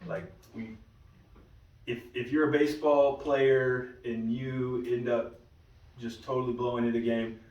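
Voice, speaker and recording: A man's voice: medium pitch, level tone, measured pace, a little mellow, lo-fi sound. A man, a pastor, leading a casual church Bible study as a conversational storyteller with frequent restarts. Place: church meeting room. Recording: roomy room, mic at a distance.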